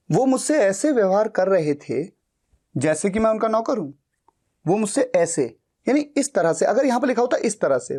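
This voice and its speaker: A man teaching grammar in Hindi, slow and deliberate, repeating phrases and asking rhetorical questions. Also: sits high, a little mellow. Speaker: English teacher. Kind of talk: Hindi-language English grammar lesson.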